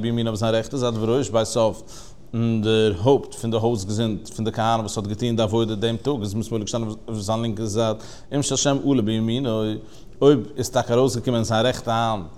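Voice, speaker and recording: A man teaching a Talmud lesson in a chanting study singsong, animated and full of restarts. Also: on the low side, brisk. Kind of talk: Yiddish-style Talmud lesson.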